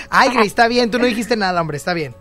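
Teasing Mexican radio host, lively pitch. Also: male voice, soft background music. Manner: teasing, playful, quick jokes. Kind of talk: joking call-in radio banter.

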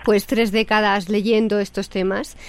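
A woman guest and regional representative telling her story in a radio studio, pausing on fillers. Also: medium pitch, flat delivery.

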